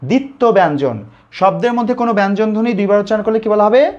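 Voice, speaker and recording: A man's voice: high voice, quick pace, a little mellow. A male teacher with a Bangladeshi Bengali accent, giving a live online grammar lesson, who asks questions and then answers them himself. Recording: slightly dull lo-fi audio.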